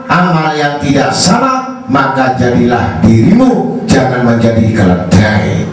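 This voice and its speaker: A man preaching an Islamic sermon to a women's group, asking the audience rhetorical questions in a swooping, animated delivery. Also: a little high. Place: prayer hall. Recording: very echoey hall, voice from far off, faint hiss.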